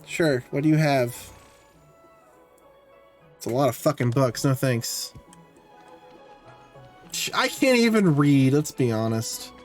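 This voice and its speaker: A man's voice: mid-range voice, lively intonation, takes it slowly, pauses often. A male streamer playing a game live, reading dialogue aloud and adding sarcastic, swearing asides. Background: faint game music.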